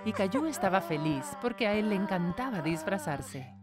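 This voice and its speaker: A woman's voice: medium pitch, lively intonation, moderate pace. A woman narrating a scripted children's cartoon story. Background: music.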